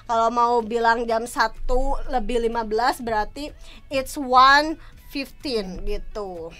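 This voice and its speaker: Woman lecturer, high bright voice, code-switching, casual podcast explainer, soft music behind. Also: slow. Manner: mixes Indonesian and English, frequent tag "gitu ya". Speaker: English lecturer.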